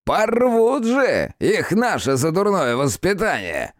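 Guy doing a fat sly old innkeeper, raised gruff voice, mocking, dry close mic. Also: high-pitched, sing-song, slow pace, no echo, voice pushed up, heavily acted. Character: fat, wheezing, crafty old innkeeper man. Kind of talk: audiobook character voice.

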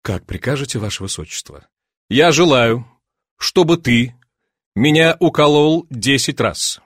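A man's voice: mid-range voice, lively intonation, fairly bright tone, no echo, clean studio sound. A man reading an audiobook and voicing a polite, composed fencing master who answers with deference. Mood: deferential. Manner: deferential, measured.

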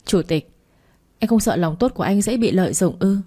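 A woman's voice: mid-range voice, expressive, a little fast, mellow, slightly rough. A woman reading the lines of a jovial, loyal male site manager in a storybook.

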